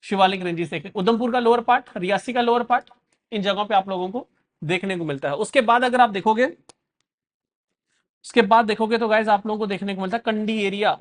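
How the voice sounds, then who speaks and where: High-voiced male tutor. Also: fairly quick. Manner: addresses viewers as guys, mixes English phrases in, quizzes the class. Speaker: exam coaching teacher. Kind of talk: classroom geography lecture.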